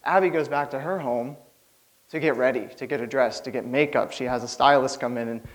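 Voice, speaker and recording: A man's voice: medium pitch, brisk, poor audio. A young man giving an informal church sermon, rambling nervously with lots of fillers and laughs.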